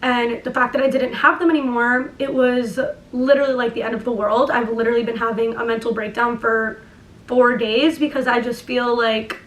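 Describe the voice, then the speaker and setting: A young woman with a high voice talks in an echoey room, a little away from the microphone. She has a lisp and speaks through a barely opened jaw. Her storytelling is casual and confessional, peppered with swearing and filler "likes". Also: little pitch movement, moderate pace, distant mic. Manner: emphatic, swearing, heavy use of "like". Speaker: vlogger.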